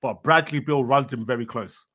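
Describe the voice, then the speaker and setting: Bright-voiced excitable young man. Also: mid-range voice, dull audio. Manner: excitable, laughing, quick bursts of speech. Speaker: podcast co-host. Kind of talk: casual chat.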